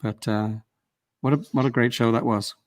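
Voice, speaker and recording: Uk guy hosting a live chat show, rambly and friendly-teasing, average pitch. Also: steady tone, normal speed. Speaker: host. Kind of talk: casual interview chat.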